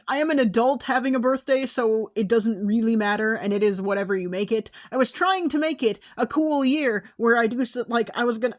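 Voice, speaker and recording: A young woman with a slightly high voice, talking alone into a home mic. She rambles, second-guesses herself and laughs often, and her voice is wearing thin and hoarse. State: losing her voice. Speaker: podcast host. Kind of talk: casual personal monologue.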